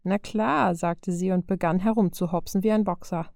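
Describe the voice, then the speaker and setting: A woman narrates a story aloud in a calm, even manner, her voice low and mellow. The recording is dry and close, with no room sound, as if she sits right at the microphone. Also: fairly quick, no room sound. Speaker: reader. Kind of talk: reading fan fiction aloud.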